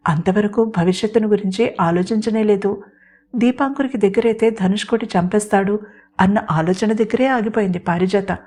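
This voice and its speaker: Give me a female storyteller narrating a romantic audio serial with steady expression. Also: medium pitch.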